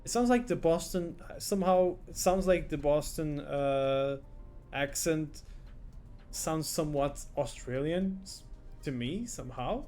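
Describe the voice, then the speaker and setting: A man chats casually on a live game stream, his voice sitting a little higher than most men's. He rambles and reacts aloud to the game and his viewers, with soft music playing quietly underneath. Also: unhurried.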